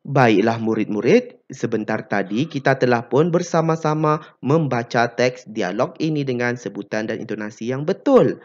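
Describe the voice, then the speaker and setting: A teacher giving a language lesson to pupils, speaking slowly with many drawn-out "ah" fillers and acting out example phrases. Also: medium pitch, lively intonation, dull audio.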